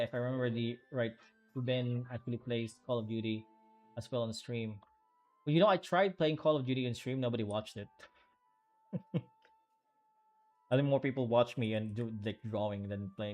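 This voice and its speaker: Man, artist streamer, casual chat while drawing, halting and rambly, faint music behind. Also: medium pitch, a little mellow. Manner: rambling, halting, with many fillers and restarts.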